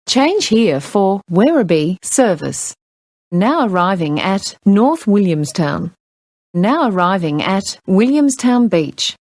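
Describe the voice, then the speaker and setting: A woman's voice: medium pitch, darkish tone, dry recording. A woman making formal onboard train announcements from spliced-together recorded words. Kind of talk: prerecorded onboard transit announcements.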